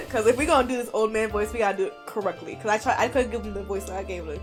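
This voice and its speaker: A young woman streaming a game live, chatting in an animated, slangy, blunt way at her streaming microphone. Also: mid-range voice. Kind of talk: casual live gameplay commentary.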